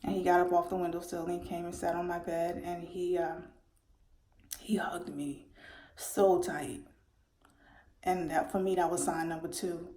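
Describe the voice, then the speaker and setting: A woman in her forties earnestly recounting a personal story, often halting and restarting her words. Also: lowish voice, little pitch movement, dark tone. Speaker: mother telling her birth story. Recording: roomy echo.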